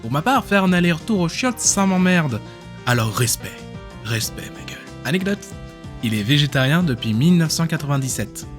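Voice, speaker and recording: A man's voice: on the high side, very animated, normal speed, soft background music. A man doing comedic commentary on a video, sarcastic, with joking asides. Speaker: YouTuber.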